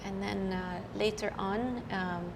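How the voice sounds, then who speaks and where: A middle-aged woman from Lebanon, a professional violinist, telling her story in an unhurried way with many fillers. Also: medium pitch, steady tone, big-room sound, noisy background. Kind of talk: casual interview chat.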